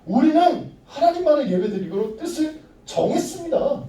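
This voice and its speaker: A man voicing three young men who answer the king calmly and firmly, heard from far off in an echoey room. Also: extremely high pitch, voice pushed up. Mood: resolute. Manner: calm, firm, measured. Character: three young men, calm and resolute believers.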